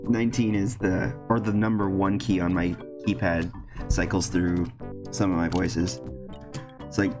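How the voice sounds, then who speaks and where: A man's voice: deep voice, level tone, unhurried. Chatty male streamer thinking aloud. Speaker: streamer and game developer. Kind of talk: casual gameplay commentary. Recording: game music playing behind.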